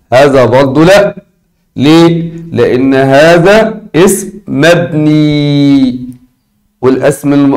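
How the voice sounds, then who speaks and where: A man with an Egyptian Arabic accent teaching a recorded lesson, repeating key words slowly and asking his students questions. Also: fairly high pitch, darkish tone.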